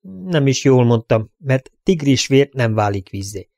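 Calm, steady young gunfighter with a quiet menace read by a man, dry close audiobook sound. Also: mid-range voice, vocal fry, dry recording. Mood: threatening. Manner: quiet and steady, turning sharp when he threatens. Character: calm, fearless young gunslinger man, coolly threatening. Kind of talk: audiobook character voice.

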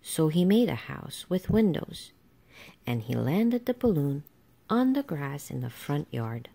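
A woman narrates a children's picture book in a low-pitched voice. Her delivery is slow and unhurried, with a soft, mellow tone suited to reading aloud. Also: big pitch swings, vocal fry. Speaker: storybook reader.

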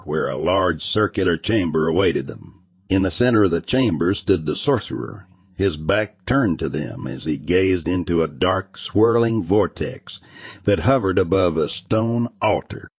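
Deep husky male audiobook narrator. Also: no echo. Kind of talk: scripted fantasy narration.

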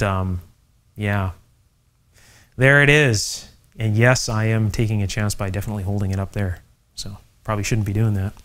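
A man's voice: on the low side, fairly bright tone. A middle-aged man hosting an electronics channel, thinking aloud with many fillers as he demonstrates an old device in a home workshop. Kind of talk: casual workbench demonstration.

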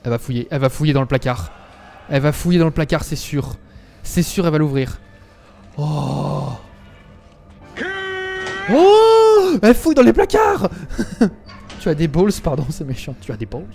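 Soft music plays behind a young streamer with a slightly high, gravelly, mellow voice and a brisk delivery. Commentating live, he talks both to his audience and to game characters, yelping dramatically at scary moments.

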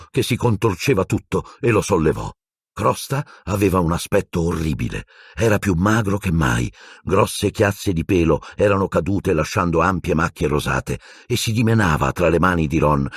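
A man narrating an audiobook in a deep, husky voice. His reading swings widely and lively in pitch. The recording is dry and close. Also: no echo. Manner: expressive storytelling.

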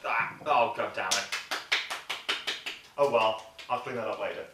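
A man hosting a casual tasting review, describing the food in a steady, matter-of-fact way. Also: fairly low pitch, measured pace. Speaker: host, hot food reviewer. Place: indoor room. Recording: echoey room, distant mic, faint noise.

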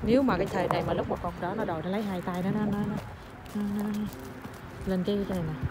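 Woman, young mother, chatty teasing commentary, outdoor playground, handheld phone, clear background noise. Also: medium pitch, steady tone, quick pace. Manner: chatty, teasing running commentary, mixing in English phrases. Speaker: mother filming her toddler at a park. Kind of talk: casual vlog narration to viewers. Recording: noisy outdoor phone recording.

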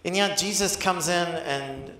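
Bright-voiced pastor preaching in a roomy hall. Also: male voice, on the high side, a little slow, a little hiss or hum. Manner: conversational, animated, asks the audience questions. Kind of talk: sermon. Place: church.

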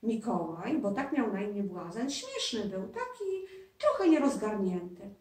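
A woman's voice: medium pitch, sing-song, measured pace, darkish tone. Woman reading as Boguś, a proud castle ghost. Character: friendly old castle ghost, proud and knowing. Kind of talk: children's story reading. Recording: roomy, distant mic.

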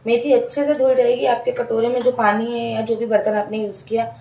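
A woman's voice: on the high side, level tone, fairly quick, vocal fry, dark tone. A woman, casually narrating a home cooking vlog and explaining each step to her viewers. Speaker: home cook vlogger. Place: home kitchen. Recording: echoey kitchen, mic far off.

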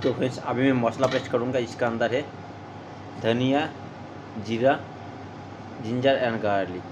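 A man's voice: medium pitch, fairly even intonation, normal speed, noisy background. A man casually narrating his cooking step by step in a home kitchen, talking to his viewers as friends. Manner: chatty, step-by-step, keeps saying "friends". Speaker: cooking vlogger.

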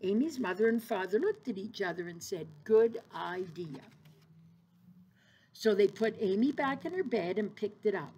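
A woman reading a children's picture book aloud in an expressive, sing-song way, as an early childhood educator. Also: mid-range voice, a little fast, few pauses, slight background noise, rough recording.

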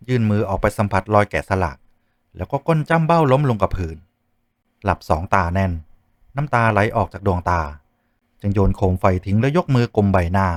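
A man narrating a martial arts novel in an expressive storytelling manner. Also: lowish voice, dry recording, clean studio sound. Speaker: audiobook narrator.

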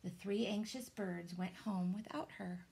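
A woman, reading a children's story aloud in a dramatic, deliberate way. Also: medium pitch, creaky, a little mellow, a little hiss or hum. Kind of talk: expressive children's storybook narration. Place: small indoor room with shelves.

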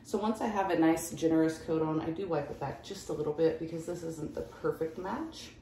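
A woman's voice: low voice, steady tone, brisk. A woman vlogger talking casually while she works on a DIY project in a room of her house. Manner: casual, talks while working. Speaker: lifestyle vlogger. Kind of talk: casual on-camera DIY demonstration. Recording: echoey room with soft music.

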